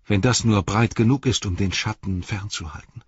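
A man's voice: fairly low pitch, normal speed, breathy edge, no room sound. A man reading an audiobook, voicing a frightened, worn-down young male hobbit who flares up in anguish, in a dull, dry recording. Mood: despairing. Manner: anguished, flaring to shouting.

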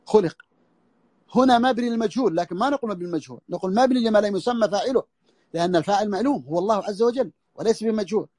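A man's voice: high voice, very fast, a little mellow, no echo. A man teaching a classical Islamic law text in a recorded audio lesson, repeating phrases and restarting as he explains. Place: audio lesson over a social media voice room.

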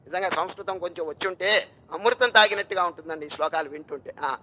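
A man's voice: high-pitched, fast, bright, forceful tone, rough recording. A male swami giving a storytelling sermon, asking rhetorical questions and chanting verses. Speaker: swami giving religious discourse.

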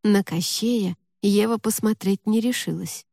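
A woman reads an audiobook in a steady, even storytelling manner. Her voice is dark and mellow, and the recording is dry, close and free of room sound. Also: medium pitch, a little slow, creaky, dry recording. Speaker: audiobook narrator. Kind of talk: scripted audiobook narration.

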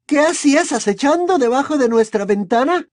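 A man voicing a thin, suspicious middle-aged aunt in an audiobook, with a sharp, accusing manner. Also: very high voice, animated, normal speed, no echo, clean studio sound, pitched above the performer's own voice. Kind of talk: audiobook character voice.

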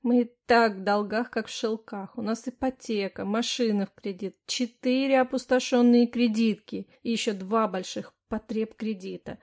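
A woman's voice: a little high, steady tone, darkish tone. A woman voicing a worn-out, exasperated husband. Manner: weary, patient, firm, spoken through pauses. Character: tired, exasperated young husband, a small business owner. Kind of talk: first-person audiobook narration with dialogue.

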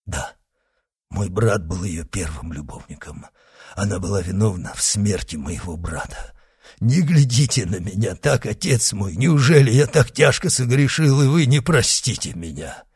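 A man reading aloud voices a dying, guilt-stricken executioner who begs for absolution in a husky, broken voice. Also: fairly low pitch, expressive, moderate pace, no echo, studio quality, heavily acted. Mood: confessing. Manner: desperate, broken pleading.

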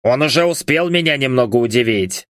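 A hoarse, drunken nobleman who speaks slowly and menacingly, voiced by a man. His lines sound cold and commanding. The audiobook sound is dry and close to the mic. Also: medium pitch, expressive, fairly bright tone, no echo, lightly acted. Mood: brooding. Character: hoarse drunken angry middle-aged male baron.

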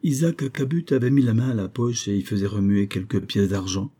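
A man reading a classic novel aloud in steady, measured narration. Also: lowish voice, slightly rough. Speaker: audiobook reader. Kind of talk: scripted narration.

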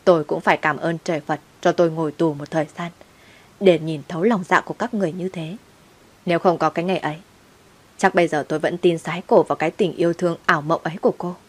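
A woman's voice: lowish voice, steady tone, fast talker, breathy edge. A woman voicing a bitter, blunt man who is out of prison and speaks with scorn. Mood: scornful. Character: bitter man out of prison, sharp-tongued father.

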